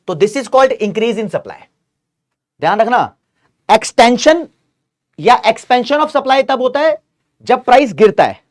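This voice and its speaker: A male commerce teacher giving an online exam-revision lecture, explaining step by step, repeating key terms and often checking in with students. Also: very high-pitched.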